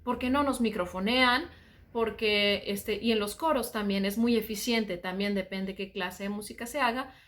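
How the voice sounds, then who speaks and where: A Mexican woman teaching voice, calmly explaining singing technique and often saying "ajá". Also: mid-range voice, moderate pace, a little hiss or hum.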